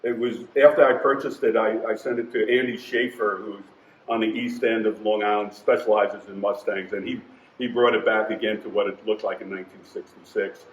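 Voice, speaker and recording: An older man, a car collector, talking casually and telling lively anecdotes in an interview. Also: on the low side, fairly quick, slight background noise. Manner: animated anecdote teller, acts out quoted voices. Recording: roomy, dull sound with faint ambience.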